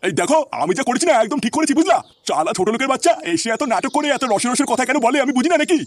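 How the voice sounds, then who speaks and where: A man's voice: extremely high pitch, very fast, dry recording. A man voicing a grumpy, suspicious, foul-mouthed middle-aged father in a cartoon. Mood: grumbling. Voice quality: excitable, scolding, foul-mouthed. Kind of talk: cartoon voice acting.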